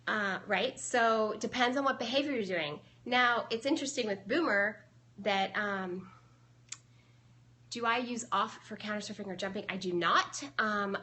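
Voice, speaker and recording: A woman's voice: mid-range voice, sharp tone. A young adult woman, a dog trainer, casually explaining her methods on a live stream and answering viewers, chatty with many fillers.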